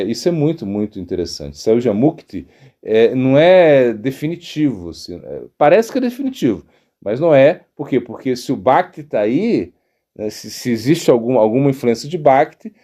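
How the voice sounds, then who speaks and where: Monk giving a talk, warm low-key tone, voice jumps up and down a lot. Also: male voice. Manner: animated storyteller, frequent "né?" and restarts. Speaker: monk teaching devotional philosophy. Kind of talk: storytelling spiritual talk.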